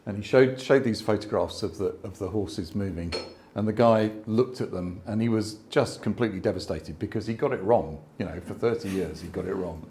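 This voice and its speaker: A man's voice: on the low side, fairly quick, few pauses, a little mellow, a little hiss or hum. A man in his sixties, a landscape photographer, talking thoughtfully at an exhibition, with frequent restarts and asides. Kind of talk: conversational exhibition talk. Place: exhibition space before an audience.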